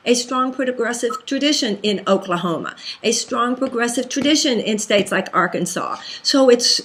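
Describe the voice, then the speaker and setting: A woman's voice: on the high side, fairly bright tone. A woman from Texas interviewing a political candidate, asking probing questions with conviction. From Houston, Texas.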